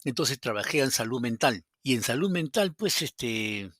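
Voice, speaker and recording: A man with a Peruvian accent tells stories from his working life in a relaxed, meandering way. He fills his speech with small hesitations and plays out the dialogue he quotes. His voice sits at a middle pitch and is recorded dry, with no room sound. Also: normal speed, no echo. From Peru. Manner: rambling with many fillers, acts out quoted dialogue. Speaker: podcast guest, psychologist. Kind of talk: casual anecdotal storytelling.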